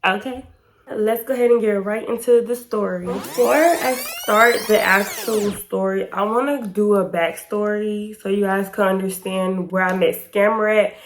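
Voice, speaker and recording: Stuffy-nosed and slightly hoarse because of pollen, an American woman in her twenties chats to camera in a casual YouTube storytime vlog, talking informally, emphatically and with slang. Her pitch is medium, her tone steady and her pace moderate, with slight background noise.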